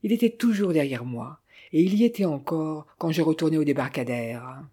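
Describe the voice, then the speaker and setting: A reader voicing a cheerful, idle young man who teases his father and recounts his day, in a low, husky, mellow tone. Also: animated, normal speed. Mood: recounting. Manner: cheerful, teasing, casually recounting.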